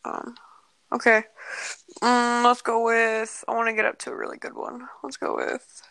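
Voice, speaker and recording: A woman's voice: fairly high pitch, completely flat delivery, normal speed, vocal fry, fairly bright tone, no echo, poor audio. A teenage girl co-hosting a casual podcast on a headphone mic, rambling and giggling as she talks. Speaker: podcast co-host. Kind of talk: casual chat.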